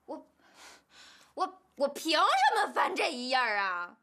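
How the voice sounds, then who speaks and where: A woman's voice: sits high, huge pitch swings, unhurried, sharp tone, heavily acted. An actress playing a stubborn young newlywed daughter, answering her mother back in a TV drama. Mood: defiant. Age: young adult. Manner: stubborn, defiant retorts. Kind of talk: TV drama acting.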